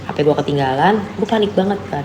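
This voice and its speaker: A woman's voice: fairly low pitch, expressive, fast talker, dark tone. A young woman, telling a personal story on a casual live stream and acting out the dialogue. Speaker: guest storyteller. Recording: echoey room with faint background noise.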